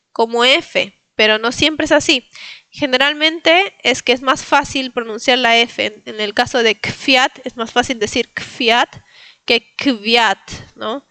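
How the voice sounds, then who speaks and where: A woman from Latin America teaches pronunciation, patiently repeating each word slowly for her learners. Her voice is bright and slightly high. It is recorded close and dry, with no room sound. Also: clear, resonant tone, no echo. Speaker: Polish language teacher. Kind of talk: pronunciation lesson.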